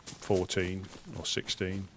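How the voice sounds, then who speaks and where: A man with a Suffolk accent chatting casually on a live game stream, rambling and hesitant, often halting mid-sentence. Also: deep voice, completely flat delivery, a bit bright, a little hiss or hum. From Suffolk, England.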